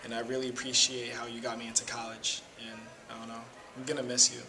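A young man, a graduating high school senior, giving an earnest, affectionate thank-you message to his teacher. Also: monotone, fast. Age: young adult. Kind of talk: heartfelt message to camera. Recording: distant mic with noticeable background noise.

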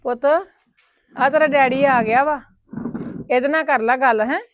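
A woman's voice: high-pitched, normal speed, no echo, clean studio sound, natural voice. A woman playing a worried mother who laments her daughter's troubles in a tearful, sorrowful way. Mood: concerned. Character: worried middle-aged mother, sorrowful and protective. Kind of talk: family web drama acting.

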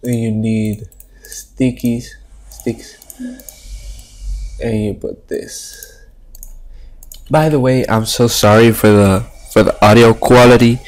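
A man casually narrating his gameplay with rambling, profane commentary, his voice coming through the low-quality audio of a webcam microphone at his home computer. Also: steady tone, takes it slowly, pauses often. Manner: rambling and profane, thinking aloud while playing. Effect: low-quality stream audio from a webcam mic. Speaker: Minecraft let's-play streamer.

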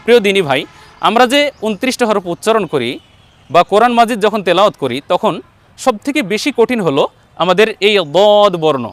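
High-voiced man teaching slow pronunciation. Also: expressive, no room sound. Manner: patient, repeats letters slowly for viewers to copy. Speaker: Quran teacher. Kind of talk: online letter-by-letter pronunciation lesson.

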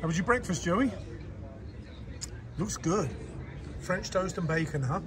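A man casually vlogging outdoors at a roadside restaurant, chatting in a relaxed way and pointing out passing motorcycles. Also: high-pitched, a little slow, a crowd in the background. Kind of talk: casual vlog commentary. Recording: outdoor camera with loud traffic noise. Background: loud traffic and street noise.

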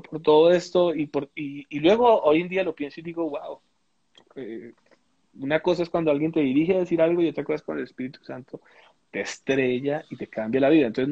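Guy telling his faith story on a live stream, kinda high voice, stops and restarts a lot, dry muffled sound. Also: a little mellow, no echo. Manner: reflective, searching for words, many restarts. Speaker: interview guest. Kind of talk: casual testimony in a live interview.

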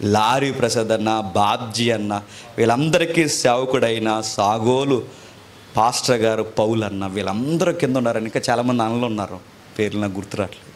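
A man preaching, telling his own testimony, who drops to hushed asides and then rises to loud emotional peaks. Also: fairly low pitch, a little hiss or hum. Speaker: pastor.

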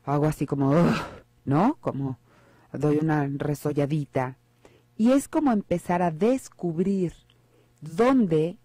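Lady psychologist on the radio, warm mellow voice, dry studio sound, keeps asking listeners questions. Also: sits low, no room sound. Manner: reflective, poses rhetorical questions to listeners. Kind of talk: radio advice talk.

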